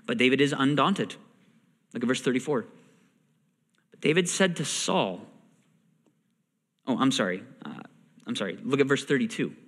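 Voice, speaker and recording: A man's voice: mid-range voice, moderate pace, long pauses. A man preaching a sermon, reading scripture and explaining it in a conversational way, sometimes acting out the characters' lines. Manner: animated, acts out characters' lines. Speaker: pastor. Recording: long hall reverb.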